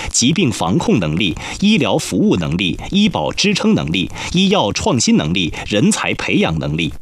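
A man's voice: medium pitch, breathy edge. Male news narrator, very wide intonation.

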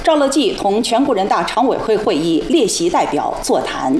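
A woman's voice: medium pitch, very animated, moderate pace, a little mellow. A woman reading scripted broadcast news as a formal Chinese news anchor in standard mainland Mandarin. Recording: roomy echo, faint background noise.

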